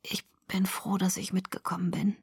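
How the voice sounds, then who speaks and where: A woman's voice: medium pitch, flat delivery, moderate pace, gravelly, darkish tone, breathy edge, no room sound, studio quality. A woman reading the part of a sick young man who whispers faintly and lifelessly on the phone. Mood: weak whisper.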